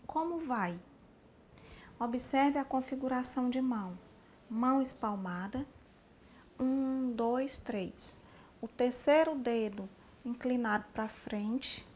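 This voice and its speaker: Woman, sign language teacher, slow and explanatory, fairly high voice, faint room ambience. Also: a little mellow, a little hiss or hum. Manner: slow, explanatory, addressing the learner directly. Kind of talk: spoken instruction for a sign language lesson.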